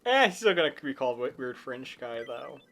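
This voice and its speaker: Animated woman streamer with swooping pitch. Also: fairly quick. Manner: excitable, swings from muttering to shrieking. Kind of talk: casual live game commentary.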